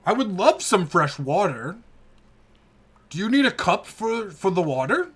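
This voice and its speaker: A gruff, elderly orc hermit, acted out by a man at a game table, pitched higher than a usual male voice. He talks in halting, simple phrases, blunt and unpolished, like someone who lives alone. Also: big pitch swings, exaggerated voice. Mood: eager, grateful. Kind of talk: tabletop role-play.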